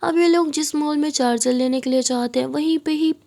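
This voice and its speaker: A woman's voice: sits high, fairly quick, vocal fry, warm tone. A woman narrating a serialized love story in a chatty, conversational way.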